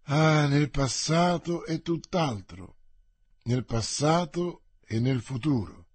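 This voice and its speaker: A melancholy nobleman, voiced by a male narrator in an audiobook, measured and solemn. He speaks slowly, and the husky voice is recorded dry. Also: on the high side, no echo. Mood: grave. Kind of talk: audiobook reading.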